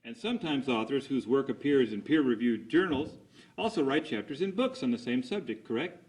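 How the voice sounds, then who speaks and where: A man's voice: medium pitch, lively intonation, brisk, a little mellow, low-quality recording. A man conducting a cross examination as an attorney, putting formal, methodical leading questions and seeking agreement after each statement.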